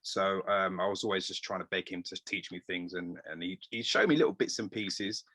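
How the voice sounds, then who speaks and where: A middle-aged man, a tailor being interviewed, telling stories in a rambling, animated way and quoting voices. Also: low voice, a little fast, no echo. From England. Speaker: guest tailor. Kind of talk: casual interview storytelling.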